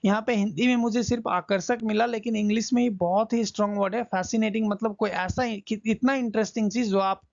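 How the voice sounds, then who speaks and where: Male English teacher, gravelly, chatty, repeats phrases slowly; dull lo-fi audio. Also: high-pitched, steady tone, no room sound. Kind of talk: Hindi English lesson, explaining a story line by line.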